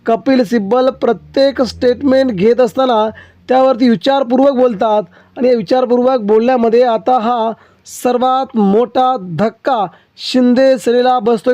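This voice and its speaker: A man's voice: extremely high pitch, mellow, no echo, lo-fi sound. A man presenting political news commentary, explaining emphatically and calling his viewers friends.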